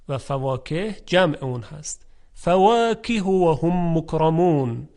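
Male Quran recitation teacher, slightly high pitch, calm explainer who recites his examples slowly. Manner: explains calmly, then recites example words slowly and loudly; often asks and answers his own questions. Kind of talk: tajwid lesson lecture.

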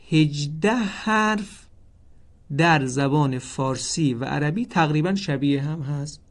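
Guy teaching tajwid, slightly high voice, reads out letters slow and careful, polite formal tone. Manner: slow, deliberate, stresses each letter; formal, addresses listeners politely. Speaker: Quran recitation teacher. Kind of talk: tajwid lesson, reciting letter names.

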